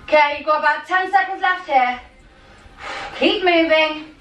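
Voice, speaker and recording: A young woman with a high, bright voice coaches a workout in short commanding bursts, like a motivating gym coach. Her delivery is unhurried, with gaps between cues. She is recorded at a distance in a roomy living room. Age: young adult. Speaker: fitness coach leading a home workout. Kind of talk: workout instruction with countdowns and cheering on. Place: small home living and dining room. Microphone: camera a few metres away. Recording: roomy, distant mic, music underneath.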